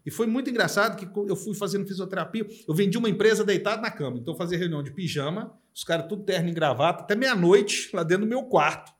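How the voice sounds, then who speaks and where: A man's voice: high-pitched, fast, hardly any pauses. A middle-aged man from Brazil telling his own story in casual podcast chat, emphatic, asking "you know?" after his points. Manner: emphatic, fillers like "cara" and "entendeu".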